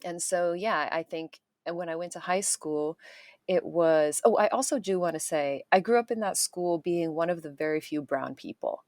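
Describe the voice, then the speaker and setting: A woman in her thirties, raised in Chicago, speaking as an interview guest, thoughtful and pausing often as she restarts sentences. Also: on the low side, darkish tone, no echo. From Chicago, United States. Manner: thoughtful, many pauses and restarts. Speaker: guest, artist and activist. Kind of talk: interview conversation. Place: home in Japan, remote call.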